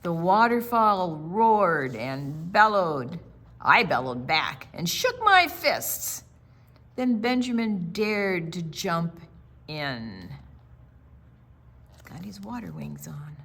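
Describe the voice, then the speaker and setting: At storytime, an older woman reads a picture book aloud for children, leaning into dramatic, deliberate phrasing while adding softer conversational asides. Her voice is fairly low, with a sing-song and creaky quality.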